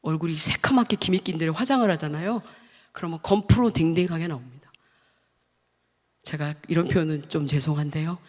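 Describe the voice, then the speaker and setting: A woman's voice: sits low, fairly quick. Earnest middle-aged woman in church reverb. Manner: earnest, stacks short listed phrases, drops to hushed tones. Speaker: guest speaker giving a testimony. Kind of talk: church testimony talk. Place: church hall.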